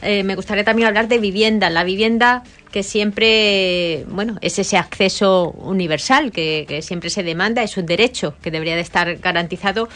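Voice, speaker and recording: A woman hosting a radio interview, asking polite, measured questions. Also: mid-range voice, fairly bright tone. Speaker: radio host.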